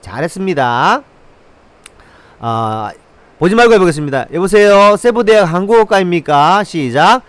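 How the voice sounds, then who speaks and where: Male tutor, animated delivery, dry close sound, slow phrase drills. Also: sits high, clear, resonant tone, no echo. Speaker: language teacher. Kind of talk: language lesson, repeating phrases.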